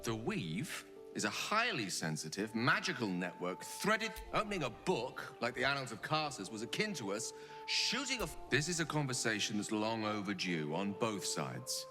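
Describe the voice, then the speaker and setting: A man voices a scholarly wizard in a fantasy game. He is eloquent, proud and earnest, with a mid-pitched voice that rises and falls expressively over music. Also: normal speed, lightly acted. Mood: earnest, reflective. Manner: articulate, wordy, expressive. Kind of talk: video game dialogue.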